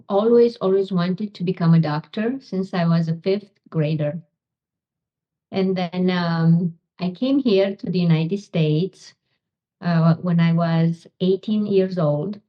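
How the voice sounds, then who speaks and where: A middle-aged woman from Romania, a physician and author, answering interview questions slowly with many pauses and ums. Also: lowish voice, steady tone, lo-fi sound. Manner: slow, halting, many ums.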